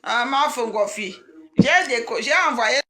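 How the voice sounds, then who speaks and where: A woman, chatting casually and excitedly on a live stream and teasing her viewers. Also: a little high, unhurried. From Cameroon.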